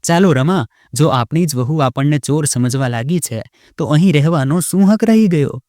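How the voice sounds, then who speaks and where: A man's voice: fairly high pitch, lively intonation, normal speed, darkish tone, no echo, clean studio sound, close to an everyday voice. A man voicing a humble old father-in-law who speaks in a trembling, pleading way. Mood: hurt.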